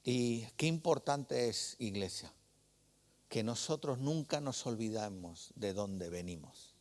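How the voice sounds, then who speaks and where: A man's voice: mid-range voice, animated, slow pace. A man preaching a sermon, telling stories in a conversational way and asking the congregation rhetorical questions.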